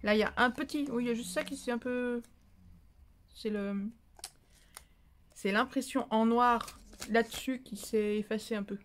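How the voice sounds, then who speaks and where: A woman's voice: fairly high pitch, steady tone, moderate pace, pauses often, a little hiss or hum. A woman hosting a paper-craft tutorial, talking casually and rambling as she thinks aloud, with playful little asides. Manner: chatty and rambling, thinking aloud while stamping; playful, drifts into silly singsong asides.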